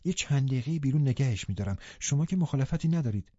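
A man voicing a bitter, vengeful young man in an audiobook, talking loud and threatening. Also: mid-range voice, expressive, husky, dry recording. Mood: scheming. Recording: muffled lo-fi recording.

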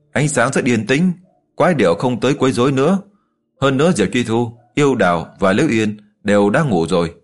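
A man reading a fantasy story aloud in steady, even scripted narration. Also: fairly low pitch.

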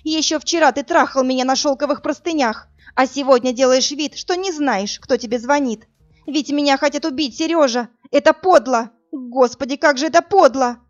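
A woman's voice: sits high, moderate pace, voice pushed up, close to an everyday voice. A woman voicing a desperate young woman on the phone, tearful and pleading, then screaming in anger, in a slightly muffled recording. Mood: furious.

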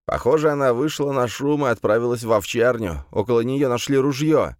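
A man's voice: medium pitch, fairly quick, no echo, clean studio sound, pitched above the performer's own voice, close to an everyday voice. A man reading aloud, voicing a tired middle-aged gendarme who repeats himself mechanically and lectures. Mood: admonishing. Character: weary middle-aged male gendarme, repetitive and fussy.

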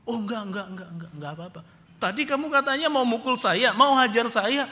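A man acting out a boastful father who blusters loudly, then backs down in panic, in a reverberant church hall. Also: extremely high pitch, brisk, voice pushed up. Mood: panicked. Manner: loud shouting threats, then frantic denials.

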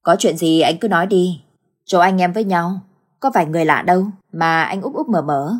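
A woman voicing a calm, serious older village man who speaks in a steady, reassuring way. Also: fairly low pitch, fairly quick, husky.

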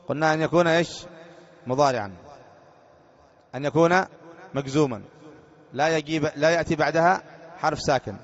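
A man teaching a grammar lesson as a sheikh, repeating each point and putting short questions to his students. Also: a little high. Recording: dull lo-fi lecture recording.

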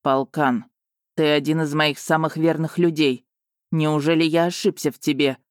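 An audiobook reader voicing a stern, guarded male duke who speaks in a cool, measured way, close to the mic. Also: mid-range voice, fairly even intonation, no echo, natural voice. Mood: reproachful. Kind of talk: audiobook character reading.

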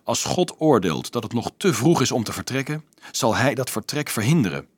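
Audiobook role: man doing a gentle old monk, hushed and low, lively tone, dry sound. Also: normal speed, husky, dry recording. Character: kindly old male monk, gentle and wary.

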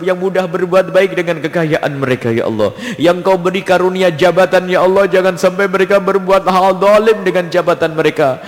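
A male preacher leads a sermon's closing prayer, moving quickly through plea after plea in a rhythmic, pleading cadence. His voice sits a little high for a man, and a long reverb trails behind him as if in a large hall.

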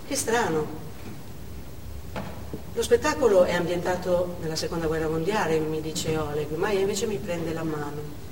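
On a theatre stage, a stage actress plays a shaken woman survivor telling of a hostage siege in a measured first-person monologue. Her natural voice sits low, reflective and uneasy in mood. The recording comes from far off, noisy and echoing through the hall.

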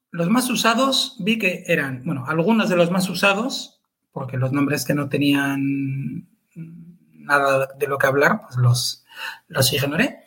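A man's voice: on the high side, a bit bright. A man, co-hosting a podcast chat and explaining pronunciation carefully, syllable by syllable. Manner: careful and methodical, spells out syllables.

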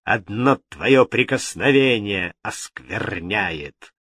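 A vain and haughty king speaks coldly and slowly with sweeping rises in pitch, as a man puts him on. The husky voice is recorded close in a dry space. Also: animated, fairly bright tone, no echo, heavily acted. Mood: disgusted. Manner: cold, haughty. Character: vain, cold, easily frightened male king.

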